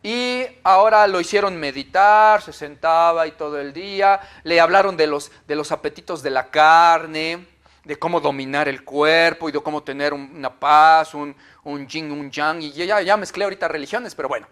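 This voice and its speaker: A Mexican-accented pastor with a notably high voice for a man preaches in a loose, conversational way. He keeps checking in with his listeners through quick tag questions. His tone stays informal and animated. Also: clean tone. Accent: Mexican Spanish. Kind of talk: conversational sermon.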